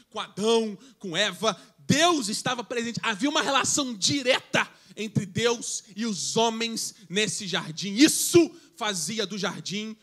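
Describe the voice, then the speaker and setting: A man's voice: high voice, sharp tone. A man preaching a sermon to a youth service, conversational, reading scripture aloud and joking with the congregation. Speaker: pastor. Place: church service.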